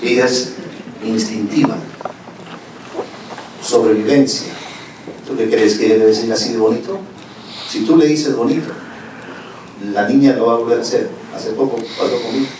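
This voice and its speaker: A man giving a lively conference talk, acting out stories and firing questions at the audience. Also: mid-range voice, normal speed, pauses often. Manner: animated, questions the audience, acts out scenes. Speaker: conference speaker. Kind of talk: lecture with acted-out stories. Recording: echoey hall from far off, noisy.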